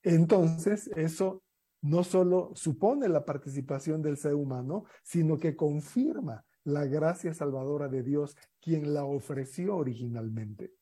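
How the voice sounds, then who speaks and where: A pastor with a very dark, mellow voice and a breathy, husky edge, sitting on a Bible study panel. He sets out a theological point in a measured, explanatory way. His pitch sits a little high for a man.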